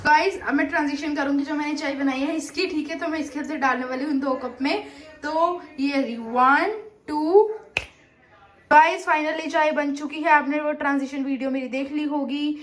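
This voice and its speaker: Young woman, home vlog, sore throat, casual and chatty, high voice, echoey room. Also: steady tone, a little fast, fairly bright tone. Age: young adult. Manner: chatty, mixes Hindi and English, addresses viewers as guys. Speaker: vlogger. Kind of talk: casual vlog narration to camera. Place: family home, kitchen and rooftop.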